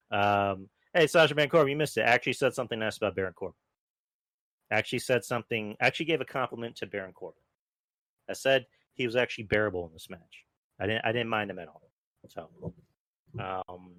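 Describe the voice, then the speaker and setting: A man talks through a wrestling recap on his own show, circling back on himself with plenty of fillers, restarts and casual swearing. His voice sits on the low side, and the recording is close and dry, with no room sound. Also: a bit bright, dry recording. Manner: rambling, frequent fillers and restarts, blunt profanity. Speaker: solo podcast host. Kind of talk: casual wrestling review monologue.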